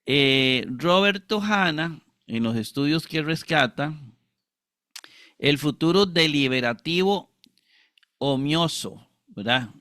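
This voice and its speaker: A man with a slightly high, pushed and bright voice and lively intonation teaches Greek Bible exegesis, reading from ancient manuscripts, in clean studio sound with no room sound. He's slow and deliberate, spelling out Greek words syllable by syllable, with frequent tag questions seeking agreement and throat clearing.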